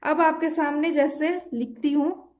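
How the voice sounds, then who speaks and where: Lady shorthand teacher, high voice, slow and repetitive, roomy echo. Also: fairly even intonation, darkish tone. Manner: slow, repeats each sound and asks "what to read?". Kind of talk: step-by-step spoken lesson while writing. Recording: echoey room.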